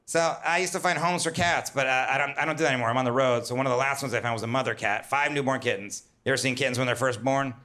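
Male stand-up comic, bright forward tone, wry conversational set on a club stage. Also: mid-range voice, fairly even intonation, racing, hardly any pauses. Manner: wry, conversational, jumps to loud put-on whines. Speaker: stand-up comedian. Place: comedy club stage with audience laughter.

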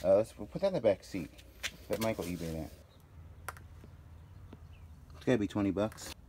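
Male vlogger, low voice, casual appraising commentary, outdoor phone clip with background noise. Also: lively intonation, moderate pace, warm tone. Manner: upbeat, appraising items aloud with prices. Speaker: storage auction vlogger. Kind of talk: casual running commentary while sorting items. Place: outdoors at a storage unit.

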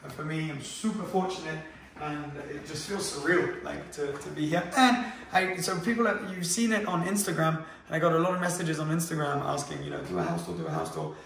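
A man's voice: on the high side, fairly quick, slight background noise. A young man in his twenties, chatting casually with many fillers as he walks through a modern house. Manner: relaxed, chatty, many fillers, walking while talking. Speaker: vlogger giving a home tour. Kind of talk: casual chat. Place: indoors, modern house, moving room to room. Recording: echoey rooms, slightly distant mic.

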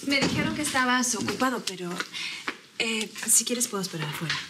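A woman's voice: fairly high pitch, big pitch swings, brisk, heavy background noise. An actress playing a young tycoon's girlfriend who speaks in a coy, teasing way in a telenovela. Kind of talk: telenovela acting.

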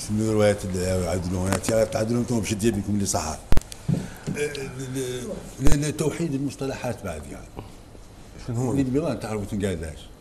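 Man, panel guest, brisk and blunt, lecturing, noise and clicks in the background. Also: fairly low pitch. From Mauritania. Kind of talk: panel debate on television.

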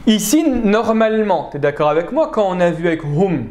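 An Arabic teacher leads a live online grammar lesson in a high, animated voice that rises and falls freely, speaking at normal speed. He explains and checks in with students again and again with a frequent "d'accord?", and the room gives the sound a noticeable echo.

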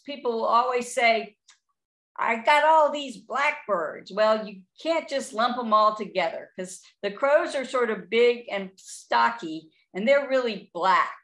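A woman's voice: a little high, fairly bright tone. A middle-aged woman, giving a chatty, informal talk on identifying birds, with frequent restarts. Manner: chatty, with frequent restarts and playful bird imitations. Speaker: birding presenter.

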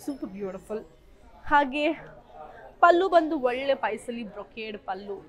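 A woman's voice: a little high, expressive, racing, a bit bright. A young woman with a South Indian accent presenting sales items in a showroom, enthusiastic and gushing. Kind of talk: live sales presentation, switching between languages. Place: saree showroom, indoors.

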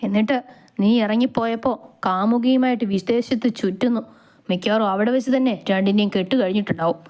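A woman's voice: mid-range voice, fast talker, darkish tone, close to an everyday voice. A woman doing a scornful young friend. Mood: contemptuous. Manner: contemptuous.

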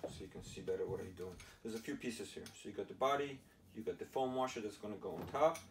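Speaking with a fairly low pitch, a DIY how-to host in his thirties casually explains a home setup step by step in plain fragments. He records in his garage workshop on a camera mic, and the background is noisy.

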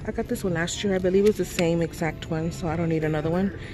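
A vlogger with a low voice narrates a casual shop-with-me video while browsing a large store aisle, reading out products and prices with soft laughs. She talks fast in a steady tone. Filmed on a handheld phone, her voice competes with a loud music overlay plus store noise and music.

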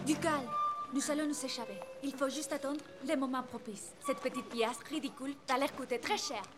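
A woman's voice: sits high, steady tone, brisk, close to an everyday voice. A woman playing a defiant, calculating captive in a film comedy. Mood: calm, plotting. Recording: loud music behind the voice.

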